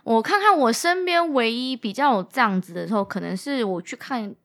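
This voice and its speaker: A woman co-hosts a podcast in casual chat. Her voice is bright and fairly high. She jumps in with quick, playful remarks. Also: expressive. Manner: quick reactions, playful interjections. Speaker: podcast co-host.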